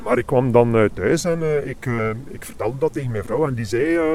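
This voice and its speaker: A Flemish man whose voice is electronically disguised to hide who he is, speaking at a middling pitch. He talks haltingly, full of filler sounds and restarts. A faint hum of outdoor noise sits behind him. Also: a little mellow. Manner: hesitant, many fillers and restarts. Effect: voice digitally disguised for anonymity. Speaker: interviewee, part-time gigolo. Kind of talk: casual interview. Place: outdoors on a park bench.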